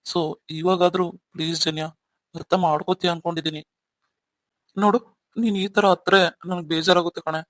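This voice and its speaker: A man's voice: high voice, steady tone, normal speed, pauses often, a bit bright, no room sound. A man voicing a remorseful young husband in a cartoon story, coaxing and pleading with his wife. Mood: earnest.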